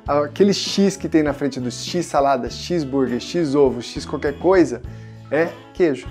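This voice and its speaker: A man's voice: fairly high pitch, a little slow, darkish tone, soft background music. A man in his thirties from Brazil, an English teacher giving a casual pronunciation lesson and coaching viewers to repeat words after him.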